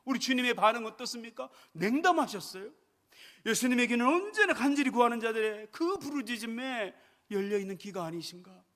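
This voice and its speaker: A male pastor delivers a sermon in a high-pitched voice. He poses rhetorical questions to the congregation. He drops to near hushes and then rises sharply in volume. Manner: rhetorical questions with dramatic swings between hushed and loud.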